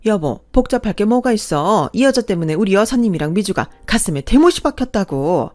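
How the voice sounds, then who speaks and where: A woman's voice: mid-range voice, very animated, a little fast, darkish tone, soft background music, close to an everyday voice. A woman voicing a wealthy, fiercely protective middle-aged woman who talks indignantly and gives orders. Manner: indignant, commanding.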